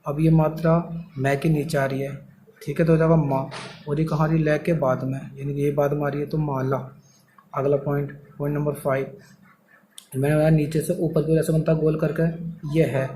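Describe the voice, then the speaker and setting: A man's voice: on the high side, flat delivery, normal speed, dark tone, a little hiss or hum, poor audio. A man teaching a shorthand lesson step by step, explaining patiently and answering his own questions.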